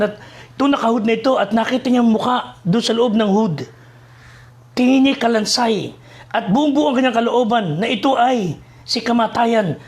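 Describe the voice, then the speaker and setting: High-voiced preacher telling a story. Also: male voice. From Philippines. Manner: switches between Tagalog and English, addresses listeners as friends. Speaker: missionary preacher. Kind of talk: sermon storytelling.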